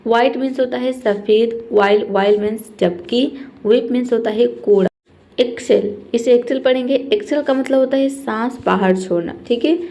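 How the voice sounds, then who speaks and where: A woman's voice: a little high, brisk, warm tone. A woman teaching an English spelling lesson, explaining patiently and repeating each word, often checking in with her students.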